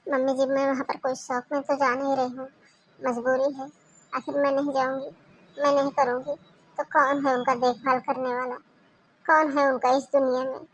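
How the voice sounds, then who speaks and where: A woman voicing a patient, dutiful young daughter-in-law in a cartoon, speaking in a soft, pleading, subdued way. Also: sits high, flat delivery, moderate pace, muffled recording, a little hiss or hum, lightly acted. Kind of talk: Hindi cartoon voice acting.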